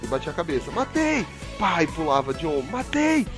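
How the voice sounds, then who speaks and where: Animated young man telling a story. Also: a little high, fast talker, over music. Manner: animated, acts out his own panicked voice. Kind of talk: casual storytelling with friends. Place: home, online voice chat.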